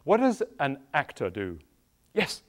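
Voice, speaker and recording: Lively English actor quizzing children. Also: male voice, fairly high pitch, measured pace. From England. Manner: animated, questioning, playful with the audience. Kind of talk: interactive children's show. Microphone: clip-on microphone.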